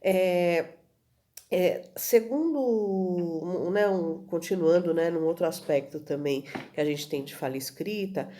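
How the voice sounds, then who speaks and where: Mellow-voiced woman teaching a class. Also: on the low side, slow pace. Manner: many fillers and restarts, checks in with "tudo bem?". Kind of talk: video lesson.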